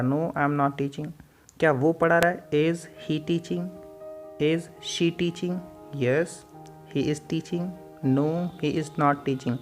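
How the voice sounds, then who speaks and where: Man drilling English grammar. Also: a little high. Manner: repetitive drilling of example sentences. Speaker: English teacher. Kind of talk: spoken grammar lesson.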